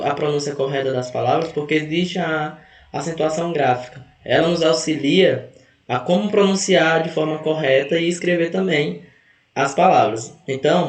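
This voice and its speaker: Man teaching grammar, echoey room. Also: on the high side. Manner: explanatory, stretches words to stress syllables; self-correcting, restarts mid-phrase. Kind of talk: online exam-prep lesson.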